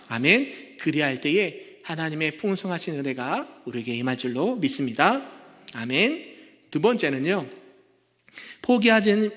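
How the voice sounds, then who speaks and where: A man, a senior pastor, preaching a sermon in a church and asking the congregation rhetorical questions, moving between loud pleas and hushed asides. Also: on the high side. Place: church sanctuary. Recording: long echo of a church hall.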